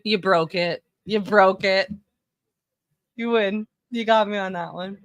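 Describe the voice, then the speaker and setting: This Texan streamer in her thirties takes it slowly, her mid-range voice recorded lo-fi without echo. She reviews wrestling outfits with chatty opinions and regular self-corrections.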